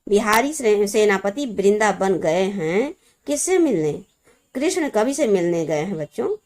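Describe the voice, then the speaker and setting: A woman's voice: medium pitch, big pitch swings, darkish tone. Hindi teacher woman drilling students patiently. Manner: repeats key words slowly, addresses students as children. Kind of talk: classroom lesson explaining memory tricks.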